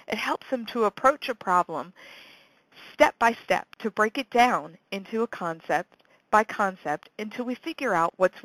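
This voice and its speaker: A woman hosts an educational science show with a bright, curious delivery. Her pitch sits mid-range, and the sound is close and dry. She explains step by step in an encouraging way, stressing key words and posing questions. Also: dry recording, poor audio. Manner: encouraging, poses questions and answers them. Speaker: host of a homeschool science teaching show. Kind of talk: scripted explanatory presentation to parents.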